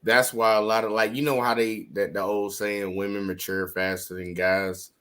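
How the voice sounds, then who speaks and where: A podcast host in his 30s lays out his views emphatically in a casual debate. His voice is lowish and his pace moderate, and his manner is animated and lecturing.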